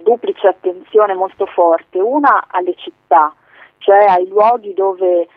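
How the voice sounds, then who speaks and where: Over a tinny, dry phone line, a woman with a mid-range voice answers interview questions as a politician guest. She speaks in a measured way, with frequent hesitations and filler phrases, and there's no echo.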